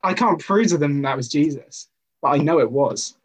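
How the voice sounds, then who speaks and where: Husky man giving a casual sermon. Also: a little high, lively intonation, normal speed, low-quality recording. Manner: conversational, with personal stories and rhetorical questions. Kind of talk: informal sermon talk.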